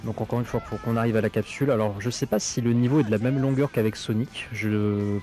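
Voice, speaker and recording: A man's voice: medium pitch, fairly even intonation, quick pace, mellow, faint music behind. Man with a bitcrushed 8-bit voice filter. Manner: chatty, filler-heavy, reacting to the game. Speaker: gaming streamer. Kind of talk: casual gameplay commentary.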